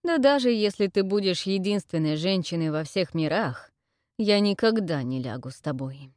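A woman's voice: lowish voice, animated, normal speed, darkish tone, no echo, natural voice. A brutish, rude king growls his threats and scorn, as a woman reader puts him on. The sound is dry and close, like a storybook recording. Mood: growling.

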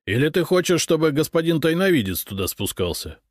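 A man voicing a gruff, irritable male police investigator who barks orders. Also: a little high, sing-song, brisk, no echo, studio quality, pitched above the performer's own voice. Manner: barking, grumbling.

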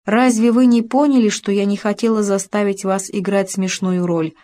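A woman's voice: mid-range voice, steady tone, normal speed, mellow, lightly acted. A woman voicing a proud young noblewoman in an audiobook, reading her lines in an earnest, reproachful manner.

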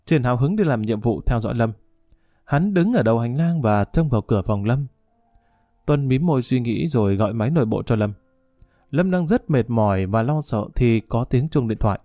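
A man telling a novel in a dark, dry tone over faint music. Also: mid-range voice, expressive, normal speed, dry recording. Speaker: audiobook narrator. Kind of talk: scripted narration of a novel, voicing all characters.

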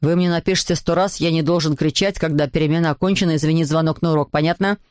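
A woman's voice: deep voice, fairly even intonation, quick pace, a little mellow, dry recording, clean studio sound, pitched below the performer's own voice, close to an everyday voice. A woman reading aloud voices a strict male school supervisor who barks orders. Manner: barking orders.

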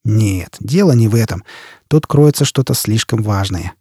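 A man doing a gruff, terse prisoner. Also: on the low side, expressive, normal speed, warm tone, no echo, studio quality. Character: rough, brooding male spaceman prisoner. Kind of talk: audiobook character reading.

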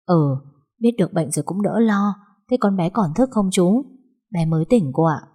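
A kind housemaid comforts a child in a soft, soothing voice, read by a woman. The tone is low and warm. It is a character in a told story. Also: expressive, moderate pace, slightly rough. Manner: gentle, soothing. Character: kind middle-aged housemaid.

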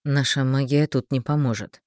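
Woman doing a calm sardonic man. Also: moderate pace, dry recording. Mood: musing. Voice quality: low, dry, mocking. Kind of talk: audiobook character voicing.

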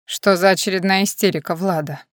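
A woman's voice: lowish voice, fairly even intonation, brisk, no room sound, clean studio sound, close to an everyday voice. Woman voicing an arrogant, menacing man. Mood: cold. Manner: cold, mocking, menacing. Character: domineering man, arrogant, possessive lover.

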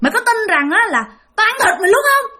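A woman voicing a shrill, menacing ghost mother. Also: sing-song, quick pace, full character voice. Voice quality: shrill, piercing. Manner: shouting threats.

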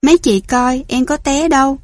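A sweet little roly-poly doll from a storybook, read by a woman, whining cutely. The voice is a bit high. The sound is dry and close. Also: steady tone, normal speed, a little mellow, no echo, natural voice. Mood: cutesy. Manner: cutesy, whiny.

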